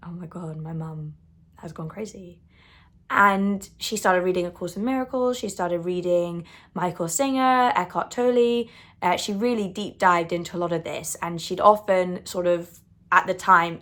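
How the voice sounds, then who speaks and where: A woman in her twenties calmly and earnestly sharing her spiritual awakening, often repeating words for emphasis. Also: on the low side. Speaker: spiritual channel host. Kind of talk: reflective spoken monologue on awakening.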